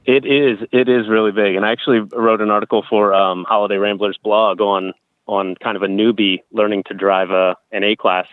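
A man's voice: on the low side, level tone, fairly quick, no room sound. A man in his thirties talking casually as an interview guest, sharing his own experiences. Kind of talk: casual conversational interview, telling personal experiences. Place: outdoors at a campground. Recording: thin phone-like line.

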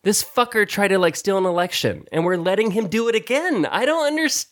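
A man co-hosting a podcast in casual chat, animated and profane, laughing often. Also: high-pitched, fairly quick. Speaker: podcast co-host.

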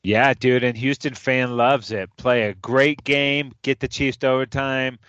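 A man's voice: medium pitch, fairly even intonation, unhurried, a bit bright, clear, resonant tone, dry recording. A man chatting football picks in an easy, jokey way, tossing in "dude" as he goes. The sound is dry and close, a little muffled. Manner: loose, jokey, calls his partner dude. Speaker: sports podcast co-host. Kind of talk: casual sports chat.

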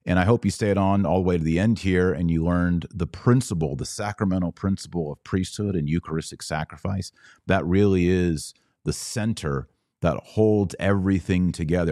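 A low-pitched, darkish male voice, recorded with studio quality and no echo. He hosts a religious podcast, speaking conversationally and instructively as he addresses his online listeners directly.

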